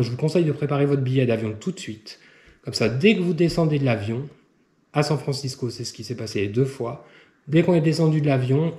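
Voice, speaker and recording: Man, casual travel vlogger, mellow tone, hesitant, echoey room. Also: mid-range voice. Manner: hesitant, many filler sounds, step-by-step advice. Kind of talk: casual explanatory travel guide. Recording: roomy echo.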